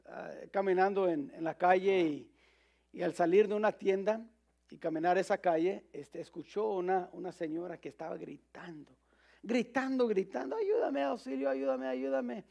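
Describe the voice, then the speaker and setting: High-voiced, gravelly man preaching. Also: warm tone. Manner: storytelling, with frequent restarts and fillers. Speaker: pastor. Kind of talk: sermon.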